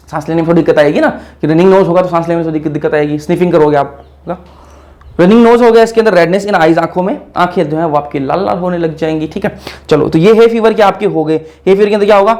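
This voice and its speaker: Fast, gravelly man quizzing his class. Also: sits high, darkish tone. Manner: call-and-response questioning, repeating answers; casual, chatty asides. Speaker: biology teacher. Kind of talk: exam-prep lecture.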